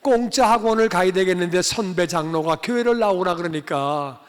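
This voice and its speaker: A man preaching a sermon as pastor, telling a family story in an animated way and acting out the dialogue. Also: sits high, normal speed, clean tone. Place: church sanctuary. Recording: long church-hall reverb.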